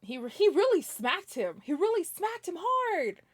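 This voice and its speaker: High-pitched giggly woman streamer. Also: a little slow, no room sound. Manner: giggly and excitable. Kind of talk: let's play commentary.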